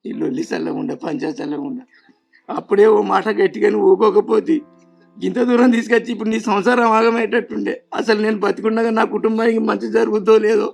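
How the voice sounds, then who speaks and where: A man's voice: high voice, fairly even intonation, fast, gravelly, soft background music, exaggerated voice. An actor with a Telangana Telugu accent playing a grieving older father who laments at length. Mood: lamenting. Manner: pleading, lamenting in long rural laments. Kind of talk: family web drama acting.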